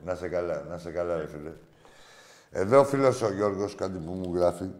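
A man hosts a call-in show, bantering casually and bluntly with plenty of swearing. He swings between loud outbursts and low muttering.

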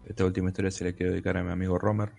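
A man, a podcast co-host reading stories aloud with a steady, plain delivery. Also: low voice, rapid-fire, creaky, soft background music.

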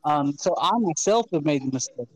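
A man's voice: a little high, expressive, brisk, darkish tone, poor audio. A man co-hosting an online audio talk show, speaking in a casual, enthusiastic and persuasive way with frequent restarts. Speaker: co-host of a crypto talk show. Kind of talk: casual chat.

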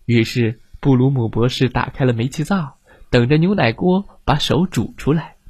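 Man, children's bedtime storyteller, gentle, breathy voice, dry close recording. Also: mid-range voice, animated, moderate pace, no room sound.

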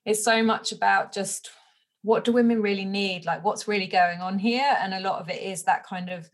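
A woman's voice: medium pitch, moderate pace. A woman from the UK, a sobriety coach, talking casually in an interview with many fillers and easy laughs. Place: home bedroom.

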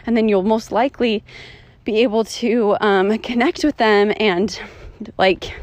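A woman's voice: medium pitch, fairly even intonation, a little slow, no echo. A woman in her thirties talking casually and motivationally while out on a walk, a little out of breath, with lots of "like" and "right?". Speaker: vlogger. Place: outdoors on a walk.

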